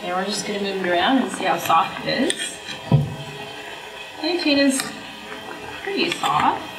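Chatty and explaining each step, a young adult woman demonstrates a casual recipe at home. She speaks a little slowly in a medium pitch, with very animated delivery. Faint music plays under the roomy kitchen acoustics.

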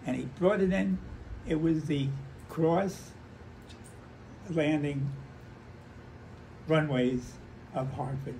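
An American man in his nineties, an old veteran remembering the past in halting, conversational stories, repeating himself and acting out remembered dialogue. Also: a little high, creaky, mellow. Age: 90s. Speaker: war veteran interviewee. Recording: noisy handheld home recording.

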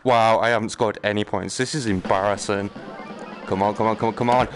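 Over loud music, a gaming streamer with a fairly low, steady voice commentates fairly quickly and casually, muttering and exclaiming to himself with jokey self-deprecation. The clip carries noticeable background noise and game ambience.

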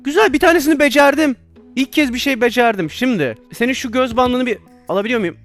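A man's voice: very high-pitched, fast talker, fairly bright tone, soft background music. A man playing a virtual reality doctor game, commenting casually and exclaiming and laughing at his own mistakes. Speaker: VR gameplay streamer.

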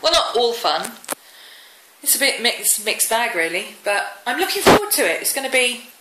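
A British woman in her thirties vlogs casually through the rooms of her home, slightly wheezy from a cold. Her voice is fairly high, very animated, pushed and bright, at a moderate pace. It's recorded indoors on a handheld phone or camera, in an echoey room with some noise and clicks.

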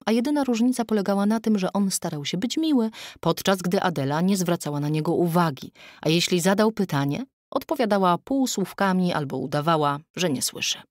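A woman narrating an audiobook in a steady, even storytelling voice, recorded close on a studio mic. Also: lowish voice, dry recording. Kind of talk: scripted narration.

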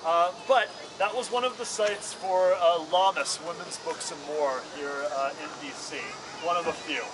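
A man's voice: a little high, normal speed, hardly any pauses. A young man leading a walking tour of a city street for a group, earnest and full of filler "uh"s, recorded outdoors by a camera a few meters away. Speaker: tour guide. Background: loud street traffic.

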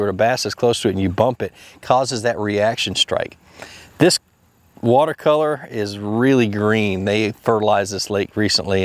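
In a dry recording, a man in his thirties with a fairly low voice hosts a fishing video from a boat on a lake. He casually explains lures and rods, rambling with plenty of fillers and restarts in this how-to narration.

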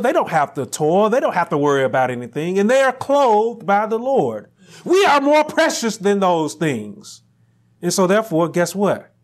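A middle-aged man preaching a sermon from a pulpit in a small church room, building to near shouts on key lines. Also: high voice. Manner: rising to near shouts on emphatic lines, slow deliberate phrasing. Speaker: pastor.

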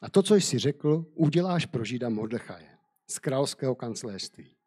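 Man reading commanding ancient king, scripture story, husky voice, mellow tone. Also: medium pitch, animated. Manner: read aloud with light emphasis.

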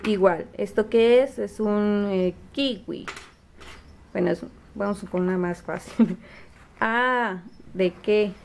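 A woman showing how she teaches her son to read at home, sounding out letters slowly and patiently with frequent fillers. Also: medium pitch, fairly even intonation, vocal fry, mellow, slight background noise. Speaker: homeschooling mother. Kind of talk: casual home teaching demonstration. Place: home, at a table.

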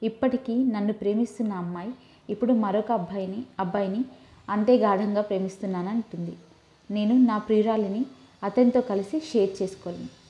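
Brief: woman reader voicing a soft-spoken heartbroken young man, mellow tone, roomy echo. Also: medium pitch, fairly quick, muffled recording, close to an everyday voice. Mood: lovesick. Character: young man, lovesick and gentle.

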